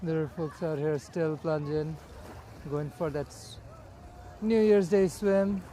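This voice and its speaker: A man giving casual, unhurried walking commentary as a live vlogger, speaking in short observational phrases outdoors. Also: a little high, steady tone, warm tone, slight background noise, low-quality recording. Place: outdoors at a busy beach and streets. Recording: outdoor crowd and street bustle. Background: crowd.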